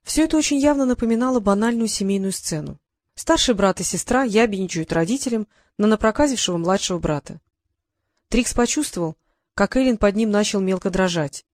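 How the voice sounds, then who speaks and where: A narrator reading a fantasy storybook aloud in an even, steady manner. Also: medium pitch, fairly quick, dry recording, studio quality. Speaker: audiobook narrator.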